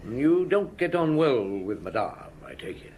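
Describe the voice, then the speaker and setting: An actor playing a shrewd middle-aged French police inspector who asks calm, measured questions in a naturalistic radio drama. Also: male voice, medium pitch, slight background noise. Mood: probing, businesslike. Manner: measured, probing questions with thoughtful murmurs.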